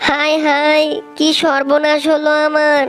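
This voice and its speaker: A woman's voice: high-pitched, completely flat delivery, unhurried, faint music behind. A woman voicing a caring female fox mother and wife in a cartoon, tender and tearful in manner. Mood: grieving. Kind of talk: cartoon voice acting.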